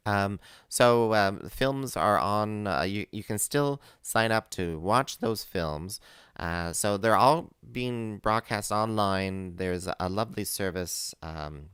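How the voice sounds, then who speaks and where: A man's voice: fairly low pitch, slow pace, fairly bright tone, clean tone, no room sound, studio quality. A man hosting a live community radio show, chatting casually with plenty of fillers and easy laughter. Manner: rambling, many fillers, laughs easily.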